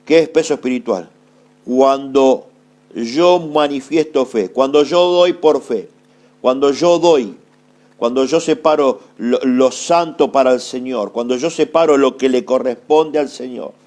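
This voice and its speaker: A man's voice: mid-range voice, darkish tone. A middle-aged Argentine man preaching a sermon with an Argentine accent, asking questions and answering them himself, repeating key phrases. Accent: Argentine Spanish. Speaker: apostle preaching.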